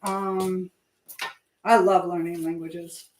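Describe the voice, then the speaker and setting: In a low-ish voice with a flat, slow delivery, a woman chats casually and thinks aloud in a rambling way as she cooks in her home kitchen. She's a livestream host and language teacher running a live chat. The audio carries a roomy echo and clear background noise.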